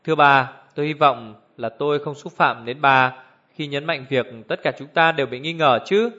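A man voicing an elderly male judge who speaks in a cold, clear, measured way, on a dull lo-fi recording. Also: a little high, sharp tone. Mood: cold, deliberate. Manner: measured, icy authority.

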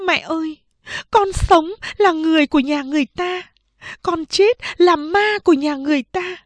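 A woman's voice: very high-pitched, fairly even intonation, normal speed, no room sound, pitched above the performer's own voice. A woman voicing a desperate young woman who tearfully begs her mother in an audiobook. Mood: tearful pleading. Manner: tearful, pleading.

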